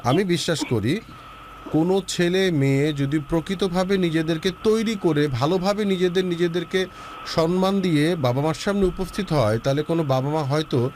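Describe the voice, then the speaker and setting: A man hosts a relationship advice show, talking with a young caller in a lively, advising way and mixing in English words. His voice is a little high at a moderate pace, with slight background noise.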